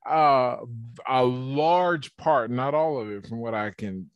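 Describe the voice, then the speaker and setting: A man's voice: medium pitch, takes it slowly, smooth, dry recording, dull audio. A man being interviewed on a podcast, explaining his ideas at length in a casual, conversational way over a video call. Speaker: podcast guest.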